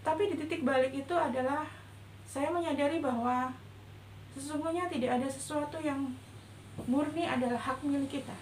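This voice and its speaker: A middle-aged woman, a religious teacher, giving a short, gentle and measured talk on faith, recorded indoors. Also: high voice. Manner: gentle, reflective, measured delivery. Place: indoor room before a patterned cloth backdrop. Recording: roomy echo with faint hum.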